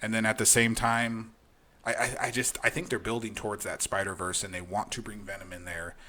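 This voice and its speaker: A man's voice: on the low side, flat delivery, fairly quick, bright, forceful tone. A man co-hosting a podcast, giving frank, opinionated takes in casual chat with lots of restarts. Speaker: podcast co-host.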